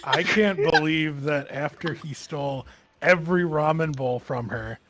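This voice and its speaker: A man's voice: a little high, a little slow. A man making casual side comments as a co-player during a game. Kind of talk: casual banter. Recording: very noisy, with clicks.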